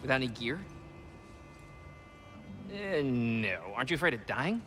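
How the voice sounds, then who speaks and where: In a video game cutscene with music playing, a man voices a chatty, nosy male refugee in an unhurried, mid-range voice. The character is excitable and swings between excitement and doubt.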